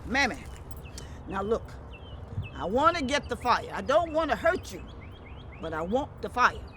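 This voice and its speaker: A woman with a Lowcountry Gullah Geechee accent voicing a big, boastful male elephant in a folktale, blustering and emphatic. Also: very animated, a little slow, a bit bright. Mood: firm, reluctant. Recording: clearly noisy background.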